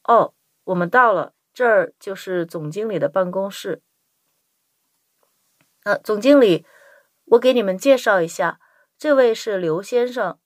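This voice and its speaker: A woman's voice: mid-range voice, a little slow, pauses often, no room sound, close to an everyday voice. A woman playing a polite young intern in a scripted language-lesson dialogue, speaking courteously. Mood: polite, welcoming. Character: polite young Chinese American woman intern greeting a visitor.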